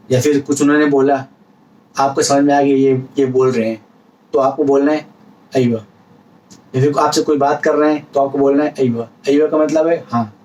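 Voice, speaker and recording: A man's voice: a little high, darkish tone, recorded from a distance, low-quality recording. Man teaching patiently, a little off-mic. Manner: explains patiently with repetition and examples. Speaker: language teacher vlogger. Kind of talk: casual spoken lesson.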